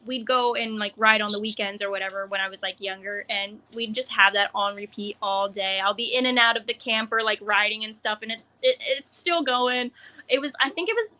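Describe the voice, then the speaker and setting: A woman's voice: mid-range voice, a little fast, bright, forceful tone. A young woman being interviewed as a guest, giggly and rambling, with lots of fillers. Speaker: guest, racer. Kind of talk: casual interview.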